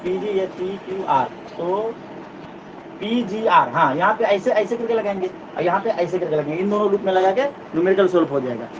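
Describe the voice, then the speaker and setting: Speaking a little fast in a high voice with lively intonation, a male physics teacher lectures his class step by step. He repeats the key points and makes sure students keep up, though the recording is distant, dull and noisy.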